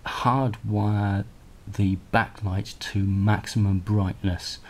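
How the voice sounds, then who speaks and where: Slow and level, with a lowish, darkish voice, a man gives an off-the-cuff demo of a hardware prototype, hesitant and thinking aloud. It was recorded on a handheld camera microphone and sounds noisy, with clicks.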